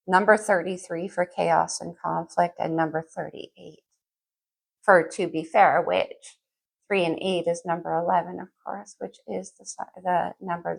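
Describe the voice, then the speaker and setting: A lowish, creaky voice with a breathy edge comes from a woman astrologer offering a laid-back tarot reading. She talks conversationally, musing aloud and addressing the listener, and her speech is slightly muffled.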